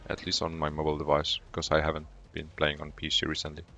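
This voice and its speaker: A man from Poland, speaking English as a second language, streaming a tank game live and explaining his decisions as he plays, with relaxed banter. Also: rumbling low, fast talker, soft background music. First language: Polish. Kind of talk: live gameplay commentary.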